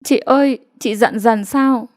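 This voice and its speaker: Frightened little girl, high and tearful, storybook reading, woman voicing her. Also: brisk, close to an everyday voice. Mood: anxious.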